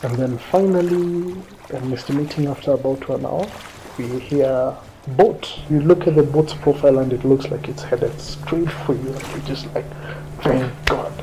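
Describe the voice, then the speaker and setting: A man in his thirties with a Kenyan accent tells his own story conversationally while seated for an interview in a small, quiet indoor room. His voice is mid-range and warm at a normal speed. The recording is low quality, with slight background noise and faint music.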